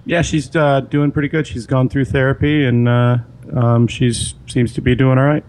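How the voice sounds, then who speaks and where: Brief: relaxed male co-host, mid pitch, halting speech, faint noise behind. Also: rough recording. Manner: easygoing, hesitant with many fillers. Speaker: podcast co-host. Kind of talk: casual chat.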